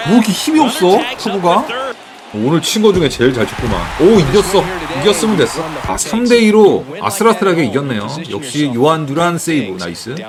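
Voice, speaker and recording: A Korean man streaming a baseball video game, giving casual play-by-play commentary with sudden excited exclamations. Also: fairly high pitch. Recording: game music playing behind.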